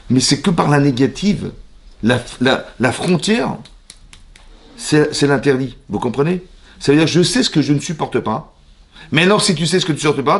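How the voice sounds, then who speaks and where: Gravelly-voiced French rabbi teaching. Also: male voice, fairly high pitch. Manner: animated, asks the audience questions, acts out little dialogues. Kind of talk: spoken Torah lesson. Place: synagogue.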